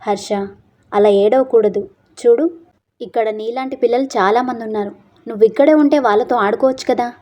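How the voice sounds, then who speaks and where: A woman doing a gentle, coaxing orphanage mother. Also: on the high side, normal speed, lightly acted. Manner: soft, coaxing tone.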